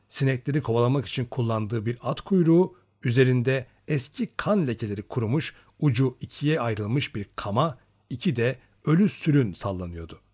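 A man reading an audiobook in a steady storytelling manner. His pitch sits in the middle range but moves a lot. He takes the long descriptive passages at an even pace. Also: slightly rough. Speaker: narrator. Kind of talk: audiobook narration.

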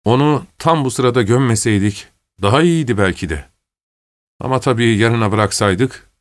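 A man's voice: medium pitch, normal speed, no room sound, studio quality, natural voice. A man voicing an anxious army officer who urges and pleads at a battlefield burial. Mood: urgent pleading. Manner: pleading, urgent.

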